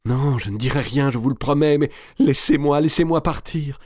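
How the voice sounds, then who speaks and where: A young mother in grief, as a man puts her on, her voice lifted high and loud. She pleads and wails between sobs, broken and desperate. A storybook reading, dry and close. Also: normal speed, no echo, close to an everyday voice. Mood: pleading. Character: young grieving woman, sobbing mother.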